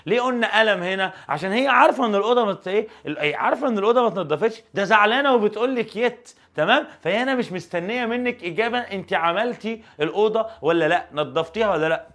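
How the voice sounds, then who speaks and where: A young man with an Egyptian Arabic accent and a high voice teaches an exam review. He keeps it animated and joking, firing rhetorical questions at his students. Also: rapid-fire, hardly any pauses. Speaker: English teacher.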